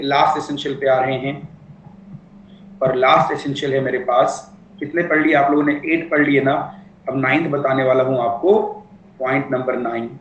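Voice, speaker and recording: Male teacher, fairly high voice, echoey room, playful lecturing with slow dictation. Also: dull audio, slight background noise. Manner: playful, teasing, dictates points slowly. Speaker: law teacher. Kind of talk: classroom lecture.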